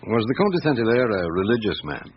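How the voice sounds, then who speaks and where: A chief inspector in a radio drama, questioning patiently and persistently. His low voice moves very freely up and down, broken by thoughtful hums. The recording is dull and lo-fi. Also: very animated, background noise. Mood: patient, probing. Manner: deliberate, persistent questioning with hesitant hums and pauses.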